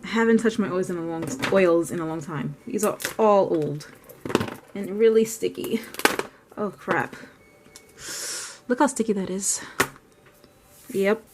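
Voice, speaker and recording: Woman, art vlogger, casual thinking-aloud chatter, mid pitch, clicking noise throughout. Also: a little slow, pauses often. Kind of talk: casual narration while painting.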